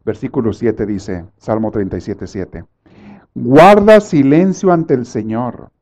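A man preaching a sermon, swinging from soft asides to loud, pleading prayers he acts out. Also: mid-range voice, lively intonation, slow pace, highs cut off.

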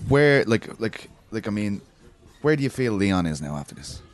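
A man's voice: lowish voice, big pitch swings, normal speed. A man hosting a casual sports discussion, emphatic and repeating phrases for stress. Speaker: podcast host.

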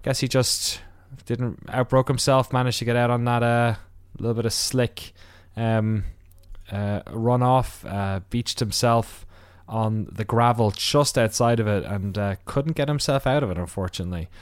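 Man with a smooth, dry voice recapping a race. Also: mid-range voice, steady tone, unhurried, dry recording. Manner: rambling with many fillers and restarts; wry asides. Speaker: podcast host.

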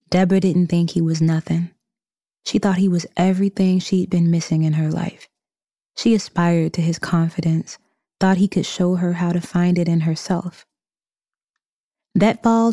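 A woman reading a scripted story narration in a measured storytelling manner. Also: fairly low pitch, mellow, dry recording, studio quality.

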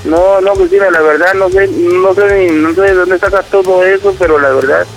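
A Mexican man speaks in a high, gravelly voice on a phone call. He pleads and defends himself, repeating his denials again and again. Faint music plays underneath. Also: steady tone, normal speed. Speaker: prank call target.

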